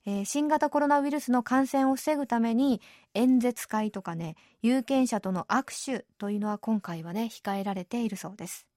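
Woman radio host, chatty and easygoing, fairly high voice, dry close studio sound. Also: moderate pace, hardly any pauses, no room sound. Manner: chatty, adds soft tag particles often. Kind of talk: radio program presenting.

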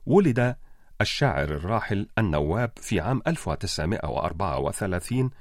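A man reading a script as a documentary narrator, in a measured, formal and carefully enunciated delivery. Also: sits low, sing-song, dry recording, studio quality. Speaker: radio programme host.

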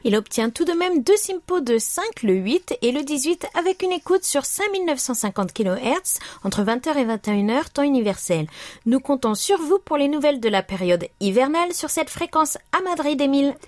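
A woman reads listener reports as a radio host. Her voice sits high and swings widely in melody through the scripted lines. The recording is dry, with no room around her. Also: animated, normal speed, darkish tone, no echo.

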